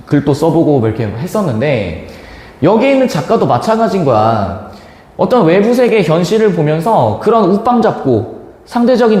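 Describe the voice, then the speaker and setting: A young man teaching Korean literature in a classroom, telling a slangy personal story and acting out the voices of the people in it. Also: on the high side. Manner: animated, slangy, acts out quoted voices. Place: lecture classroom. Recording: echoey classroom with long reverb.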